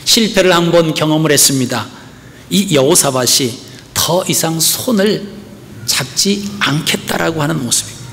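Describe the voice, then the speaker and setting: A man's voice: fairly high pitch, normal speed, vocal fry, fairly bright tone, slight background noise. A man preaching a sermon as pastor, earnestly asking the congregation rhetorical questions. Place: church sanctuary. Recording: long church hall reverb.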